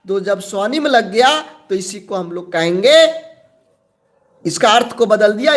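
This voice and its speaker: A male teacher giving an exam-prep lecture, slowly repeating key terms and answering his own questions. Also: very high-pitched, fairly bright tone.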